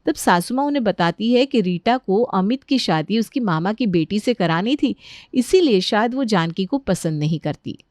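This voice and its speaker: A woman's voice: medium pitch, expressive, normal speed, darkish tone, dry recording, clean studio sound. A woman narrating a family cartoon story in a plain storybook manner.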